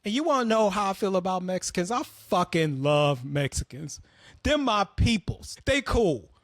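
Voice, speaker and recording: A man's voice: high-pitched, expressive, moderate pace, no room sound, studio quality. A man hosting an opinionated commentary monologue, talking bluntly and profanely as he tells stories. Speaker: host.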